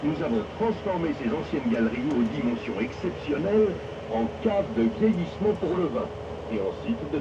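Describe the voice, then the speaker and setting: A man playing a proud older miner and winemaker guiding visitors, telling the story with lively, swooping intonation. He is heard through a dull loudspeaker from some distance away, with loud engine noise all around. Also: mid-range voice, close to an everyday voice. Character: older male former miner and winemaker, proud local guide. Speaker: audio guide narrator. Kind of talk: scripted narration. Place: open tourist train outdoors. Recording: muffled loudspeaker on a moving tourist train, heard from afar with loud engine noise. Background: vehicle engine and outdoor ambience.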